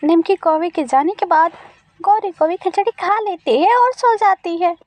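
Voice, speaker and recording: A woman's voice: very high-pitched, normal speed, darkish tone. A woman narrating a children's cartoon story in a plain storytelling manner.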